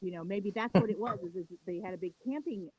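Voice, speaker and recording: A woman's voice: medium pitch, quick pace, crowd noise. A woman calling in on a phone, with her voice muffled as if she were inside a fishbowl. She keeps pressing her point with one question after another in a casual group chat. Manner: insistent, keeps firing questions. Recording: dull muffled lo-fi phone line.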